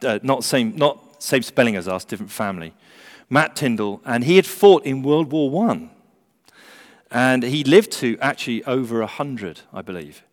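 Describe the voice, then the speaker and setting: A man's voice: medium pitch, lively intonation, moderate pace. A man preaching an evangelistic sermon, earnest and urgent, with rhetorical questions and repeated phrases. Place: large church or hall, preaching live. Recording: echoey hall with long reverb.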